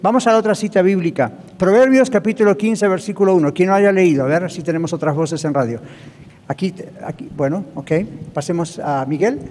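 Male pastor, high voice, emphatic sermon delivery, reverberant hall. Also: a little fast, darkish tone. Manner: emphatic, asks the congregation "¿ok?" and "¿ven?" often. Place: church hall, also broadcast on radio.

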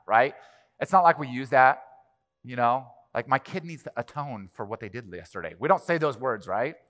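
A man's voice: fairly high pitch, a bit bright. A pastor preaching a sermon to his congregation, talking in a conversational way and often checking in with his listeners. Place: church sanctuary. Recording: long reverb of a large hall.

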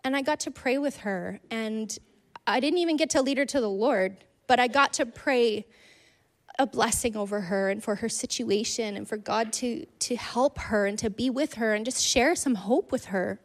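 A woman telling a personal faith story to a congregation, earnest and conversational, with frequent "like"s and soft laughs. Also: a little high, normal speed. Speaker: speaker sharing a testimony. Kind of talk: personal testimony in a church talk.

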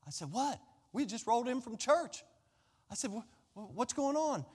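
A middle-aged American pastor preaches a sermon in a conversational yet emphatic style, using storytelling, repetition and rhetorical questions. His very high-pitched voice is husky and sing-song, at a moderate pace.

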